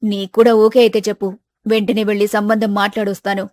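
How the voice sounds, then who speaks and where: A woman performs storybook voice acting as a bossy, determined middle-aged mother, sounding insistent and scolding. Her mid-range voice is fast, darkish, and fairly flat in pitch, close to an everyday voice with no room sound.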